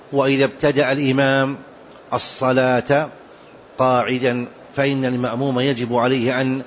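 A man teaching a religious lesson on prayer rulings, speaking slowly and deliberately and repeating key points for emphasis. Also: mid-range voice. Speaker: Islamic jurisprudence teacher. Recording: dull lo-fi recording with faint noise.

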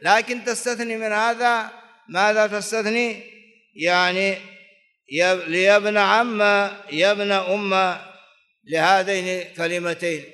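In a rather high, sharp voice, a man gives a classical grammar lesson, explaining each example form repeatedly and chanting lines of ancient verse. His words ring out in the long echo of a large hall.

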